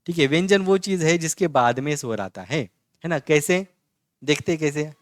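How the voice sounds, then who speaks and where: A man's voice: fairly high pitch, expressive, no echo. Patient male teacher drilling letters aloud. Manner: patient, repetitive, keeps asking "है ना?" and answering his own questions; spells out each letter slowly and distinctly. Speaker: Marathi language teacher. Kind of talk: online language lesson, explaining letters on a board.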